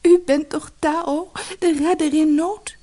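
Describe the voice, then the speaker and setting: A woman voicing a young princess who pleads in a high, plaintive voice, from a storybook recording. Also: animated, normal speed, noisy background. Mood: pleading.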